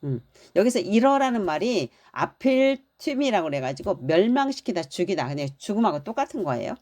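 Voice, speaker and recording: A woman pastor giving a sermon, preaching in an animated way and acting out the lines she quotes. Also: medium pitch, a little fast.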